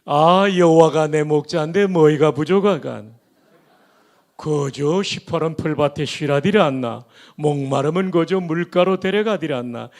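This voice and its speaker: Man doing a blunt northern elder, Pyongan accent, loud, emphatic. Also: on the high side, moderate pace, lightly acted. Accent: Pyongan dialect. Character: blunt old northern man reciting a psalm.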